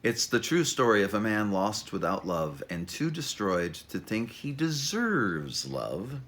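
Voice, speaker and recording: With a lowish, fairly bright voice full of animation, a man introduces a memoir he wrote himself. He shifts between informal talk and dramatic reading, breaking off haltingly, slipping in wry asides and punching lines with theatrical emphasis.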